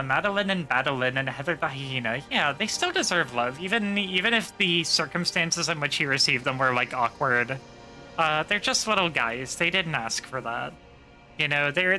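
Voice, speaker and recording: A woman's voice: deep voice, animated, moderate pace, bright, forceful tone, faint music behind. A woman streamer chatting casually to her viewers, rambling with plenty of fillers and swearing freely. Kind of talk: casual live-stream chat.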